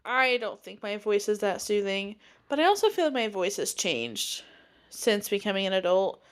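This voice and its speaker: A woman's voice: medium pitch, very animated, moderate pace, clear, resonant tone. A woman in her twenties hosting her own podcast, talking casually and rambling with many fillers. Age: 20s. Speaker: podcast host; teacher. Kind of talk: casual solo podcast monologue.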